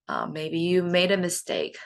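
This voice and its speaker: A woman's voice: fairly low pitch, big pitch swings, unhurried, gravelly. A woman hosting a self-help talk, speaking earnestly and emphatically about self-acceptance. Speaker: host, life coach.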